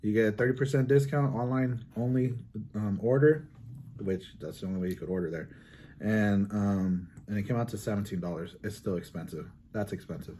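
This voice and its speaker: A man co-hosting a food review vlog, talking matter-of-factly and trailing off quietly at the ends of his points. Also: on the low side, a little fast, a little hiss or hum. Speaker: mukbang co-host. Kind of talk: casual food review chat.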